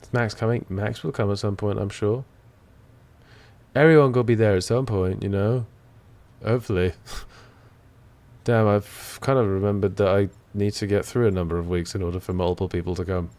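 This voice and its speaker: A man's voice: lowish voice, fairly even intonation, brisk, a little mellow. A tired man, chatting casually and reading out viewer questions while gaming, in a laid-back, rambling, self-deprecating way. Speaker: streamer.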